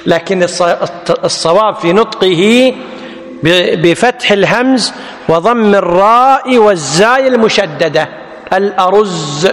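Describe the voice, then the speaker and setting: A man's voice: high-pitched, animated, measured pace, fairly bright tone. A man teaching a lesson, who repeats each word and quizzes his students. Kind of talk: classical Arabic text lesson. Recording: long hall reverb.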